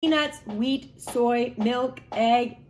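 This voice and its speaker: A woman with a fairly high voice hosts a casual cooking video, chatty and emphatic, stretching out many of her words. The room is echoey with faint background noise.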